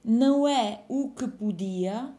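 In this slow dictation, a female teacher speaks in a rather high, soft and dark tone. Every phrase comes out measured and deliberate, repeated a second time, with the punctuation spoken as she goes.

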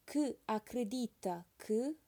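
Woman teacher, dictation pace, each phrase said twice with punctuation spoken; unhurried, warm tone. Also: fairly high pitch, expressive. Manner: repeats each phrase slowly, calling out punctuation. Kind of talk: slow dictation with punctuation read aloud.

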